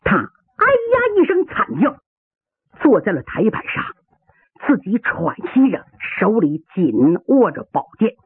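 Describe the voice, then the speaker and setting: A storyteller narrating a martial-arts duel with theatrical flair, voicing clashes and blows aloud. The delivery is unhurried yet swings wildly in pitch, with a husky grain. It plays over a tinny, dry radio broadcast. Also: big pitch swings, dry recording. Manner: dramatic, vivid sound effects, rhythmic phrasing. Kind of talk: traditional storytelling performance.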